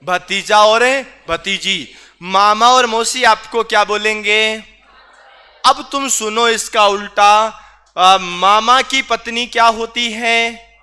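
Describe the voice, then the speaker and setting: During an online class lecture, a reasoning teacher with a high, sharp, smooth voice speaks at a slow pace. He quizzes his students with repeated questions and throws in teasing asides.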